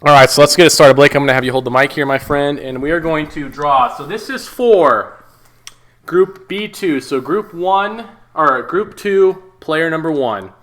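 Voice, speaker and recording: A young man co-hosting a playful mock sports draw show, hamming up each reveal like an excitable announcer. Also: on the high side, normal speed. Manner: excitable announcer, hams up the draws.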